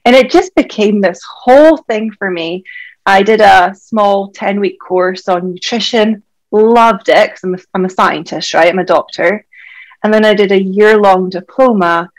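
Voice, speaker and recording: A rough recording captures a woman from Scotland in her thirties, both doctor and health coach, speaking candidly as a podcast guest. Her mid-range voice runs a little slow, and her casual talk is sprinkled with "like."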